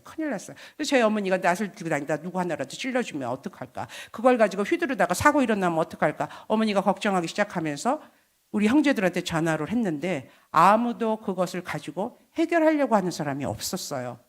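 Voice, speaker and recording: A middle-aged woman pastor giving a testimony sermon in a church, telling her story with lively swings between hushed and loud voices. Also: mid-range voice. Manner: animated storytelling, acting out quoted voices with big swings in loudness. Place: church sanctuary.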